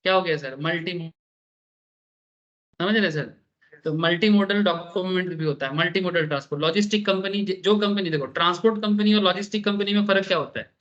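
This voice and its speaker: A man lectures a class on business law in a high voice, telling anecdotes and checking that the students follow. He talks in a chatty, storytelling way and mixes in English terms. The recording is dull and lo-fi. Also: a little fast, fairly bright tone. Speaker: teacher.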